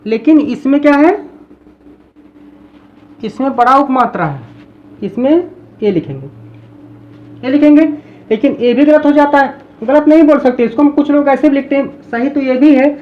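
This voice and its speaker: High-voiced woman teaching, dull recording. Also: lively intonation. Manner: repeats example words slowly to drill them. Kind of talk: classroom-style explanation.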